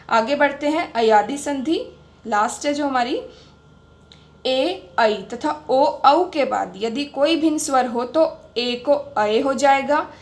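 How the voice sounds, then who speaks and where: Slow, high-voiced young woman teacher. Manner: patient, repeats sounds slowly and asks questions back. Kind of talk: explaining grammar step by step.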